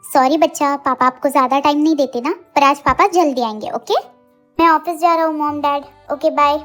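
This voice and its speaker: A calm young father with a dry, teasing way of speaking, as a woman narrator puts him on. The voice is pitched lower than her own but still fairly high, with soft music behind the storybook. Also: brisk. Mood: tender.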